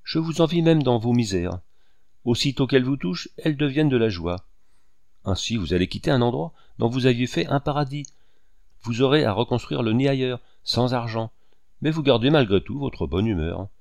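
A man reading the lines of a melancholy, aging male artist who speaks gently and hesitantly, with soft sighs. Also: mid-range voice, lively intonation, moderate pace, gravelly, dry recording, clean studio sound. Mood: wistful.

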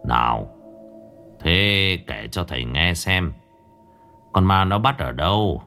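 A man voicing an old ritual master who questions slowly and deliberately, calm and stern. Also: low-pitched, vocal fry, faint music behind, exaggerated voice. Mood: grave calm.

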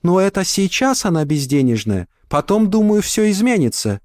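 A man's voice: sits high, sing-song, normal speed, a little mellow, no room sound, studio quality, voice pushed up. A man voicing a timid young woman at a job interview who answers in short, shy replies.

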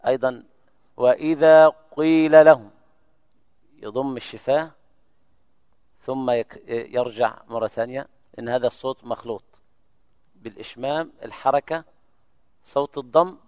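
A man's voice: medium pitch, a little mellow, no room sound. Man demonstrating recitation, dry and close. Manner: slow drawn-out recited examples between quick explanations. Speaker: Quran recitation teacher giving examples. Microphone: lecture microphone.

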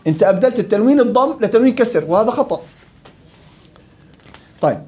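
A man with a Levantine accent leads a live Quran recitation class at a quick pace, quizzing his students and repeating verses slowly for them to copy. His voice sits high and animated. The recording is dull and lo-fi. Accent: Levantine Arabic.

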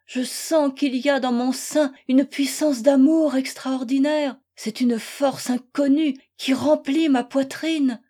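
A woman's voice: on the high side, warm tone. A woman voicing an anguished young wife. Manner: pleading, tearful prayer. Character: anguished young wife who believes she is ugly. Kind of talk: audiobook reading.

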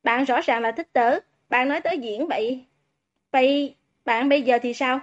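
A spoiled teenage schoolgirl with a shrill, high, accusing voice, put on by a woman reader. Her lines come through a dull, lo-fi recording. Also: normal speed, natural voice.

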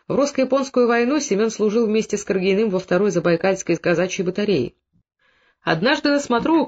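A man narrating a literary novel in a measured, expressive storytelling manner. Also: high-pitched. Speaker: audiobook narrator. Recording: dull lo-fi recording.

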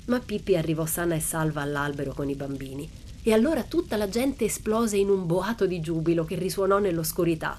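A woman reading a children's novel aloud in calm, even storytelling narration with an Italian accent. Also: on the low side, a little hiss or hum. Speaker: audiobook reader. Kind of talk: scripted narration. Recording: faint music under the voice.

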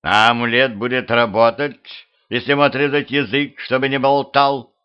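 A man voicing a cold, menacing skeletal beast with a wolf's face, speaking in a slow growl on a muffled lo-fi home recording. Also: mid-range voice, steady tone, clean tone, natural voice.

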